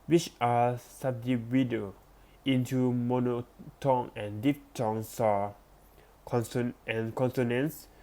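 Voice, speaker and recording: A man presents a lesson by reading an academic text aloud. He speaks at a very slow, unhurried pace, taking his time over each phrase, and now and then backs up to restart a word. His voice sits at an ordinary middle pitch. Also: dark tone. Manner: careful, deliberate reading with small restarts.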